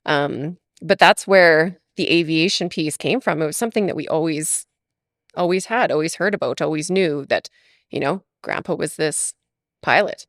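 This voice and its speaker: In a clean studio recording without echo, a woman from Alberta, Canada, speaks at normal speed in a deep voice. She's a guest on a podcast, chatting casually in an interview with lots of laughter and fillers.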